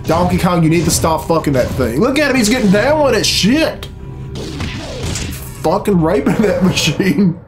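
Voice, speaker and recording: His high, sing-song voice keeps a normal pace as this thirty-something reaction host swears and snarks casually through his commentary. He's indoors in a small bedroom, with cutscene music from a video game audible.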